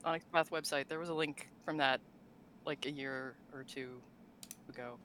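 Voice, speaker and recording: Bright-voiced, chatty podcast co-host. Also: mid-range voice, fairly even intonation, normal speed. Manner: rambling, laughs often, swears offhandedly. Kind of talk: casual lore chat.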